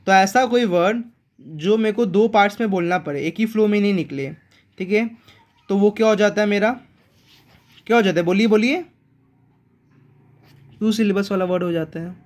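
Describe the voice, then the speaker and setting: A man's voice: high-pitched, moderate pace, pauses often. A man teaching an English grammar lesson in an online class. He repeats key words and asks his viewers questions.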